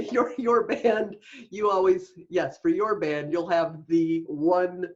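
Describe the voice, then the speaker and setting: A woman co-hosting a casual podcast chat, playful and quick to laugh, sometimes breaking into bits of song. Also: lowish voice, steady tone, darkish tone. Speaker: podcast co-host. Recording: dull lo-fi podcast audio.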